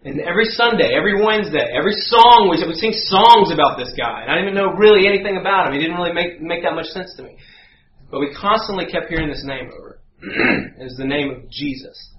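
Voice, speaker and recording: A man telling a lively story in a sermon, acting out voices and sound effects as he goes. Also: on the high side, fast. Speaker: guest preacher. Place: church sanctuary. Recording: echoey church, dull sound, faint hum.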